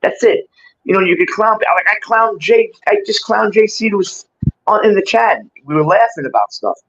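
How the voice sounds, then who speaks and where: A man's voice: high voice, lively intonation, normal speed, fairly bright tone. Sixty-year-old man, profane streetwise bro talk. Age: 60s. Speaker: guest in a livestream chat. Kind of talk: casual unscripted chat. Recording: dull lo-fi stream audio, clear background noise.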